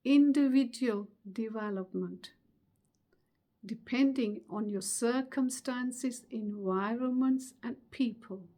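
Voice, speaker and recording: Middle-aged woman, motivational speaker, fairly high voice, unhurried and deliberate with emphatic pauses. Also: mellow. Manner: slow, earnest, emphatic delivery with pauses. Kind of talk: motivational webinar talk.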